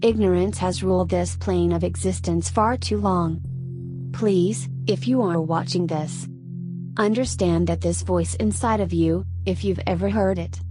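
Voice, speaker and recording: A woman voicing a serene female spirit of light and hope, speaking calmly and earnestly over faint music. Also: on the low side, measured pace, close to an everyday voice. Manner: calm, earnest, solemn appeals. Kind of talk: dramatic spoken-word monologue.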